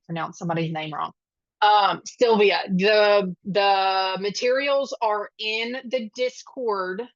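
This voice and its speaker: A woman's voice: medium pitch, a bit bright, no echo. A woman leading a live online study group as a coding instructor, chatty and reassuring, with many filler ums. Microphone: video call. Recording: dull, dry lo-fi video call audio.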